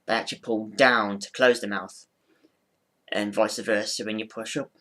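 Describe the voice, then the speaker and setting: A ventriloquist showing off his figure talks in a fairly low, fairly bright voice with mostly even intonation at a normal speed. His explanation is informal and hands-on, rambling and matter-of-fact, and he repeats himself a lot.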